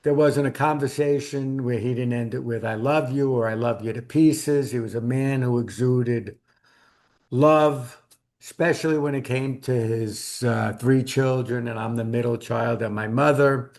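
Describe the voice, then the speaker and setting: A man's voice: mid-range voice, fairly even intonation, unhurried, darkish tone. A middle-aged man with a Brooklyn accent, telling a personal story conversationally as an interview guest. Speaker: guest author.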